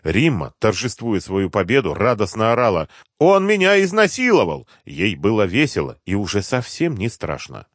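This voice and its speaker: A man narrating an audiobook in a steady, measured storytelling way, close to the mic. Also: lowish voice, no echo. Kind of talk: scripted narration.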